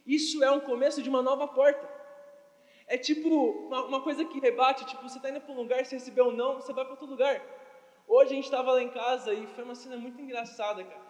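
High-voiced young man preaching casually. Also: steady tone, fast talker, darkish tone. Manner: slangy and conversational, addresses crowd directly. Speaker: youth preacher. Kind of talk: casual youth sermon. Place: church hall. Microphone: handheld or stand mic. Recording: hall reverb, live church room.

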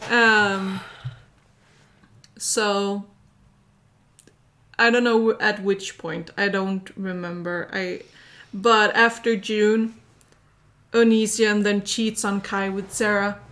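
A woman's voice: medium pitch, little pitch movement, takes it slowly, long pauses, fairly bright tone. A woman hosting a casual chat, recounting events with plenty of fillers. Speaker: host recounting a story.

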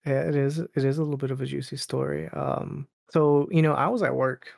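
Gravelly-voiced man in his late twenties. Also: medium pitch, steady tone, brisk, darkish tone, no room sound, studio quality. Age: late 20s. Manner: rambling, laughs a lot, many fillers. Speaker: podcast guest. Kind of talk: casual storytelling.

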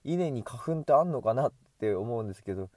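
A man with a mellow, warm tone rambles in a loose, self-amused monologue as he walks along a street. His nose runs from hay fever. He speaks into an earbud mic, and the sound is close and dry. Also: mid-range voice, animated, fast talker, no echo. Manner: chatty and self-amused, talks to himself. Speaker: solo podcaster. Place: outdoors on a street, walking. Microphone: earbud headset mic.

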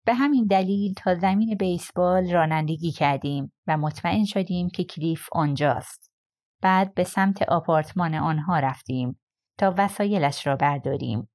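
Woman narrating a crime novel audiobook. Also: on the low side. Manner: measured, steady storytelling. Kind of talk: scripted narration.

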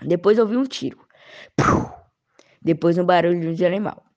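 A woman reading an adventure story aloud in a steady voice. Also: on the low side, fast talker. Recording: dull lo-fi recording.

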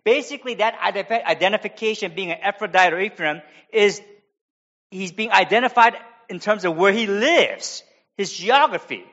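A high-pitched man delivers an expository sermon in an American accent, moving from careful explanation into relaxed, chatty asides. The recording is muffled and lo-fi. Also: normal speed. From United States. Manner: expository preaching, conversational asides. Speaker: pastor.

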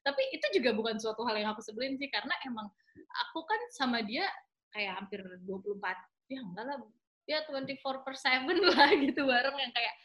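A woman from Indonesia chatting casually as a podcast guest, animated and quick to laugh, dropping in English words. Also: fairly high pitch. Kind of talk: casual chat.

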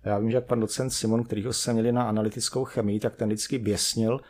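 A middle-aged chemist tells self-deprecating anecdotes about his studies, rambling conversationally and packing in fillers. His voice is on the low side and a little mellow, with a flat delivery.

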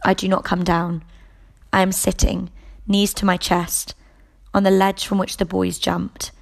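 A woman reading a novel aloud in the first person, in a steady, measured way. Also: medium pitch, gravelly. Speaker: audiobook reader.

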